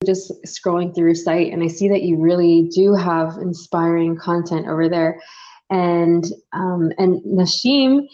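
A woman hosting a casual interview, friendly and chatty, with many fillers. Her voice sits fairly low. The recording sounds dull and lo-fi. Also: unhurried, mellow. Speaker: interview host.

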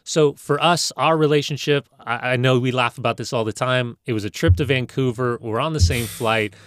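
A man's voice: mid-range voice, normal speed, dry recording. Casual male interviewer, dry close sound. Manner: rambling, familiar, anecdotal. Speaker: interview host.

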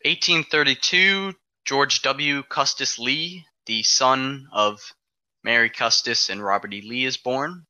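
Man presenter, very bright and forceful tone, dry close sound, laid-back explainer with ums. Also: medium pitch, slow, dry recording, rough recording. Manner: walks through dates step by step, frequent ums. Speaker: presenter of an alternate history timeline. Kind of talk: casual explanatory podcast talk.

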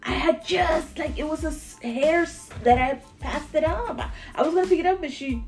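A woman chats on a podcast with her brother, her voice high and bright. She rambles animatedly through stories and laughs often, with faint music playing behind her. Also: moderate pace. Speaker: podcast co-host. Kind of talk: casual chat, storytelling.

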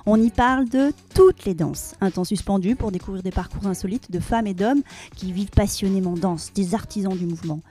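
A woman hosting a podcast, reading a lively scripted welcome over music, then asking her guest questions. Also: medium pitch. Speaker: podcast host.

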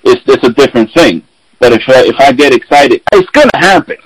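A male podcast host chatting casually. His middle-pitched voice sits on a dry, close mic with no room sound. He tells stories with lively swings of pitch, acts out quotes and swears freely. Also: brisk, slightly rough, no room sound, low-quality recording. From Puerto Rican and Dominican heritage. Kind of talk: casual chat. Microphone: remote call.

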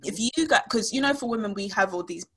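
Female host, raspy medium pitch, casual playful chat with self-interrupting storytelling. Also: expressive, fast talker, fairly bright tone.

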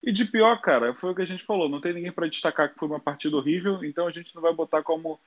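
Fast-talking Brazilian man on a dull mic. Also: a little high. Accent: Brazilian Portuguese. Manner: quick, slangy, ends points with 'né?'. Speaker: podcast co-host. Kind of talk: casual sports podcast chat.

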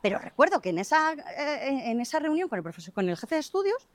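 Woman rattling off stories on a dog walk, bit high pitched, super fast, swears a lot, dry close sound. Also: no room sound. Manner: fast, animated storytelling with swearing; tearful-prone, emotional retelling. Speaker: podcast co-host. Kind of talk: casual chat while walking dogs. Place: outdoors on a street, walking a dog.

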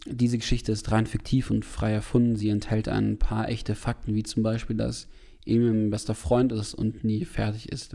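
A man hosting a podcast, reading his own short story in a calm, measured way, then chatting casually to his listeners. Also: fairly low pitch. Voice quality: gravelly, dark voice. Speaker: podcast host.

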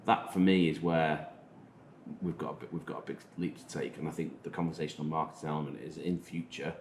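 Male podcast host, Manchester accent, very deep register, rephrases as he goes, faint background noise. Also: steady tone, fast. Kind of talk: casual discussion of digital marketing. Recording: roomy echo, faint noise.

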